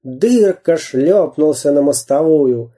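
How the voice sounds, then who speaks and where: A narrator reading a children's adventure book aloud in a slow, dramatic way. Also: mid-range voice, expressive, warm tone, slightly rough. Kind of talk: storybook reading.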